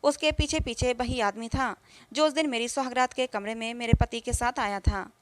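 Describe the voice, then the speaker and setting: A woman narrating a first-person story in a steady, earnest, scripted way. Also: a little high, moderate pace, slight background noise.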